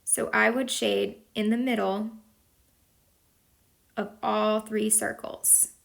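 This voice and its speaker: Narrating a whiteboard video, a Texan woman teacher takes her lesson slowly and patiently, step by step. Her medium-pitched voice is gravelly and shows little pitch movement.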